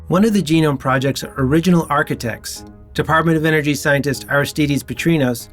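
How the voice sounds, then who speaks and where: A man narrating a documentary in a measured, clear scripted read. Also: a little high. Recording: faint music underneath. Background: faint music.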